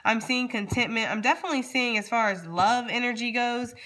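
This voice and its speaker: A woman's voice: on the high side, fairly quick, sharp tone, low-quality recording. A woman giving a casual, chatty tarot reading as channel host, speaking informally and straight to her viewers. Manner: informal, addresses viewers directly, frequently checks in with "okay?". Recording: background noise with card shuffling and clicks.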